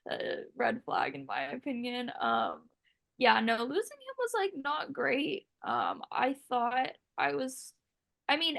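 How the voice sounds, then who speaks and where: A young woman who used to be a contestant chats casually in an interview, her voice high-pitched, gravelly and a bit bright. She rambles along, packing her talk with fillers like "like" and "um".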